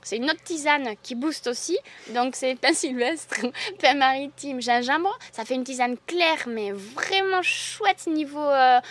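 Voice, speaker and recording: A woman's voice: high voice, measured pace, fairly bright tone. A woman with a southwest French accent from the Landes, an herbalist chatting enthusiastically in an interview and laughing often. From Landes, southwest France. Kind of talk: casual interview chat.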